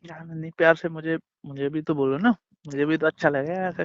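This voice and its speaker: A man's voice: a little high, fairly even intonation, fairly quick, no room sound. A man on a casual romantic phone call, coaxing and playful as he keeps insisting. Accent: Hindustani. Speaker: boyfriend on a call. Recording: muffled phone call recording.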